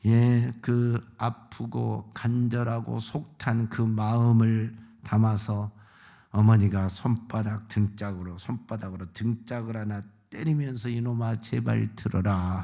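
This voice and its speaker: A man's voice: mid-range voice, creaky, darkish tone. A male pastor preaching a prayer-meeting sermon, impassioned and pleading, pressing the congregation with rhetorical questions. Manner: impassioned, swelling to fervent cries.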